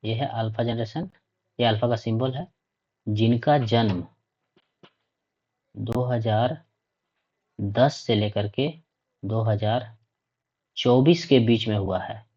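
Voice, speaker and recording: This teacher talks slowly with long pauses, his mid-range voice dark and slightly rough. He reads points aloud, explains them, and frequently says 'ठीक है' ("okay") as he lectures, captured in a dull lo-fi recording.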